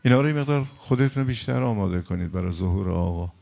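A man preaching a sermon, passionate, moving between loud outbursts and hushed storytelling. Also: on the low side, lively intonation, gravelly.

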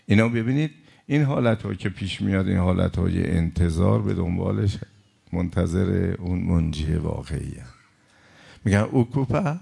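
A man preaching a sermon, passionate, moving between loud outbursts and hushed storytelling. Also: mid-range voice, vocal fry.

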